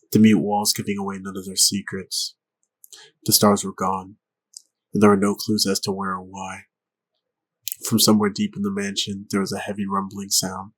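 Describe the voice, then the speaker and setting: A man narrating a horror audiobook in a steady, ominous way. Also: lowish voice, breathy edge, dry recording. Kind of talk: scripted narration.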